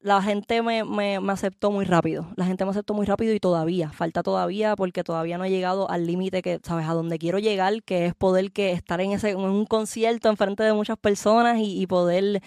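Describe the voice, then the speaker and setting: A woman's voice: mid-range voice, fairly even intonation, a little fast, hardly any pauses, darkish tone, no echo, studio quality. A young woman from Puerto Rico with a Puerto Rican accent, a singer talking in a casual interview, hesitant and repeating her words. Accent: Puerto Rican Spanish. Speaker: singer guest.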